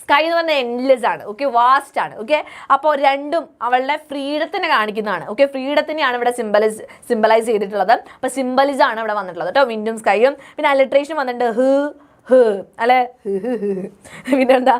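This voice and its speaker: Young woman, Malayali accent, high voice, online tutor, code-switches and sings the lyrics. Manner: mixes Malayalam and English, sings the lyric lines slowly. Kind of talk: online class explaining a song.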